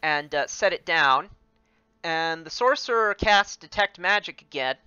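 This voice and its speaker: Male game master, bright and smooth, halting delivery, dry dull audio. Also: on the high side, expressive, no room sound. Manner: hesitant, many ums and restarts. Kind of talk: narrating a tabletop game. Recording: dry, muffled voice chat.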